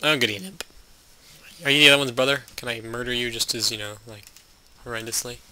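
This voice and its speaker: A young man hosting a game playthrough, reading on-screen text aloud with sarcastic, deadpan asides. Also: mid-range voice, quick pace, background noise. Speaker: let's play host.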